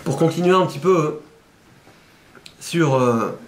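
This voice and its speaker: A man, a rabbi, giving a sermon and telling a story with lively, animated delivery. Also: takes it slowly, reverberant, slight background noise. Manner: animated storyteller, voices quoted speakers, rises high at emotional peaks.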